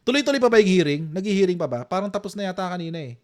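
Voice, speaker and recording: Man, Filipino accent, high voice, animated, mocking, laughs a lot, live-stream commentary. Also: rapid-fire.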